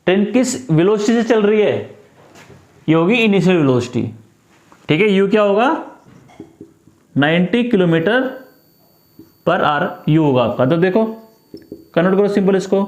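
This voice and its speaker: Male tutor, high-pitched, patient step-by-step explainer, echoey room. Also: lively intonation, moderate pace, long pauses. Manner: repetitive, coaxing, talks through each step. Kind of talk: step-by-step math lesson.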